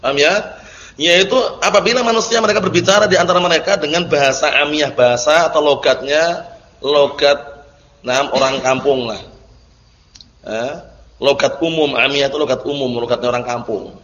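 A man's voice: on the high side, normal speed, a bit bright, slight background noise. A male teacher giving a classroom grammar lesson, explaining terms and often checking that students understand. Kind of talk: classroom lecture. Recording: dull lo-fi recording in echoey hall.

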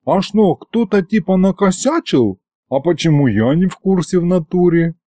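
A man voicing a rough male henchman who talks in brash street slang. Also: sits high, expressive, moderate pace, mellow, no room sound, clean studio sound, pitched above the performer's own voice. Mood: puzzled.

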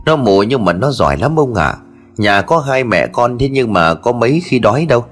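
A man voicing a sly, fawning male servant who keeps flattering his master in a storybook tale. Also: medium pitch, normal speed, faint music behind. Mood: wheedling. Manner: wheedling, deferential.

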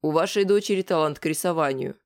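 The reader voicing a calm, menacing grown man who speaks slowly and quietly in an audiobook. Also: medium pitch, clear, resonant tone, natural voice. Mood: calm threat. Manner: slow, quiet, measured.

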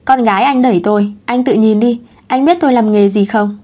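Woman doing a nasty sneering lady in a storybook, scolding, higher voice. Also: a little fast, warm tone, close to an everyday voice. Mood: scornful. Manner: scornful and scolding. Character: spiteful, rude woman who sneers and scolds.

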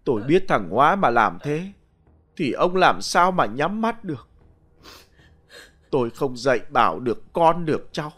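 A man's voice: fairly high pitch, sing-song, normal speed, long pauses, fairly bright tone. A man voicing a grieving old village widow who pleads through sobs. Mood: remorseful.

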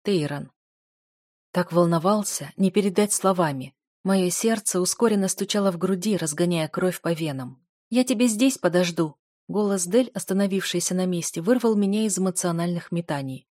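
A woman narrates an audiobook in a lowish voice, reading a young man's first-person thoughts. The recording is dry and close, with no room sound. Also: moderate pace, mellow, no room sound.

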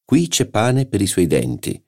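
A man's voice: lowish voice, huge pitch swings, measured pace, darkish tone, pitched above the performer's own voice, heavily acted. A man voicing a smug middle-aged doctor who loves his own jokes, in an audiobook. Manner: smug, joking. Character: middle-aged doctor fond of bad puns.

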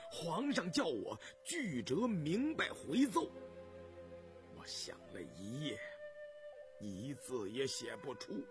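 A man voicing a tired, ailing middle-aged male official who speaks low and self-mockingly, for an audiobook. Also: wildly swooping pitch, takes it slowly, music in the background. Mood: weary. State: exhausted.

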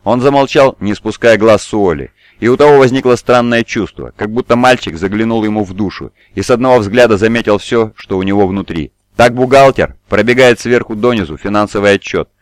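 A man reads a novel aloud in scripted narration. His voice sits low and his delivery is measured and even. The recording is dry and close to the mic. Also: no echo. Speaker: audiobook reader.

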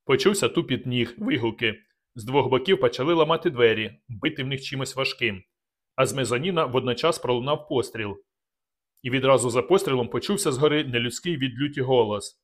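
A man's voice: medium pitch, a little fast. Man reading a dramatic audiobook. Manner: dramatic first-person reading. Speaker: audiobook narrator. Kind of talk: scripted narration.

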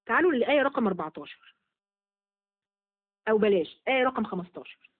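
Fast Egyptian woman teaching on a thin line. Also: fairly high pitch, lively intonation, husky. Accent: Egyptian Arabic. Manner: rapid, questioning, repeats key words. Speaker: Quran study teacher. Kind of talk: online Quran lesson. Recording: phone-like narrow audio.

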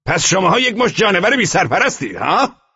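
A man performs a stern, commanding army sergeant for a storybook audio drama. He barks orders and scolds with a husky, rather high voice that swings widely in pitch. The recording sounds dull and lo-fi. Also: big pitch swings, sharp tone, heavily acted. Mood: barking.

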